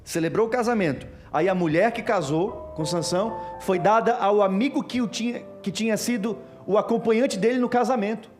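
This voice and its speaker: A man's voice: high voice, brisk, hardly any pauses, a little mellow, faint music behind. A male pastor, reading Bible verses on a church stage and explaining them. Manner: explanatory, reads verses then comments. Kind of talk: sermon with scripture reading. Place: church stage before a congregation.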